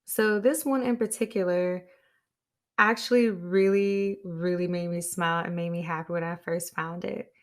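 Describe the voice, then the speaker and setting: A woman's voice: lowish voice, fairly even intonation, moderate pace. A woman podcast host talking on her own to her listeners. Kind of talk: solo podcast talk.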